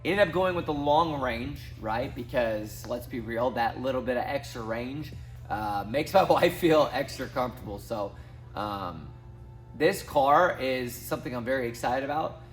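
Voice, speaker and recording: This time the Southwest Missouri man in his thirties sounds animated yet unhurried, his mid-range voice set over soft background music. He's casually addressing the camera for his finance channel, rambling with many ums and restarts.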